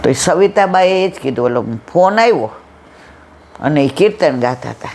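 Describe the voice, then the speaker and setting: A woman giving a devotional satsang talk, telling stories and acting out the dialogue lively. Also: low-pitched, moderate pace, a little hiss or hum. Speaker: satsang speaker.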